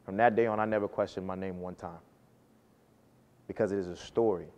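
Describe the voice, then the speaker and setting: Speaking to an audience, a man in his early twenties tells a personal story in an earnest, emphatic way, his voice rising and falling for effect. His delivery is brisk and steady, low and somewhat dark in tone, with a long reverb tail trailing after his words.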